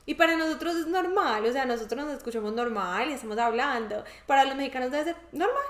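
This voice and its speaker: A woman with a Colombian paisa accent reacting to a video, bubbly and enthusiastic, quick to laugh. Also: high-pitched, expressive, fairly bright tone. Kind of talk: casual reaction commentary. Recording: roomy echo.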